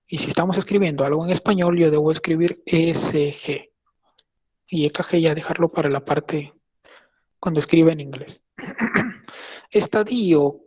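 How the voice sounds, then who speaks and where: A man's voice: on the high side, measured pace, long pauses, a little mellow, breathy edge. A young man, a medical intern, giving a conversational lecture and explaining patiently while often checking in with his listeners.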